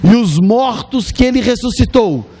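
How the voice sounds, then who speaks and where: High-voiced Brazilian preacher telling a story. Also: male voice, moderate pace. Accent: Brazilian Portuguese. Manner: lively storytelling, acts out scenes. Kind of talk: sermon.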